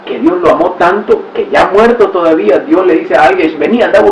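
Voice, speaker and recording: Higher-voiced man teaching in an echoey room. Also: moderate pace. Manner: storytelling with exclamations and rhetorical asides. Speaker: catechist. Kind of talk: religious teaching talk. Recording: roomy, distant, dull recording with faint hiss.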